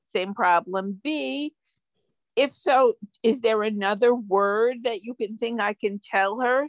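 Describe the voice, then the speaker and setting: A woman's voice: a little high, vocal fry, no echo. A woman with a Brooklyn accent talks casually in a group discussion, telling her story in a wry, joking way. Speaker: caller asking a question.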